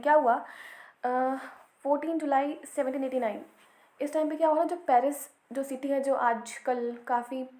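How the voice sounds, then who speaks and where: A woman's voice: high voice, darkish tone, echoey room. A woman teaching a history lecture, explaining step by step and checking in with her students as she goes.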